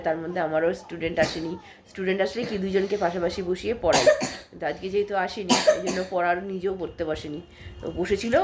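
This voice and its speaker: Her voice pitched fairly low, a woman in her thirties casually narrates a daily vlog from home, rambling cozily between coughs from a cold. Slight background noise can be heard.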